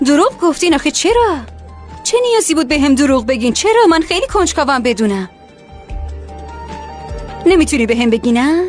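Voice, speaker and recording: A woman's voice: high-pitched, big pitch swings, long pauses, soft background music. A woman dubbing a betrayed young woman who accuses and mocks in a sarcastic tone. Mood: bitter. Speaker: dubbing actor. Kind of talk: dubbed TV drama.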